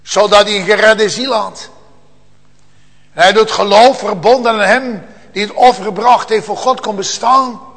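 A man preaching a solemn sermon, slow and earnest, rising at times to loud emotional cries. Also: high-pitched, fairly even intonation. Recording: long church reverb.

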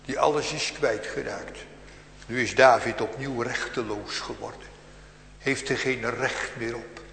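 A man's voice: medium pitch, fairly even intonation, measured pace, creaky, fairly bright tone, a little hiss or hum. A man preaching a solemn sermon that swells into fervent outbursts. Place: church. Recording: echoey church hall.

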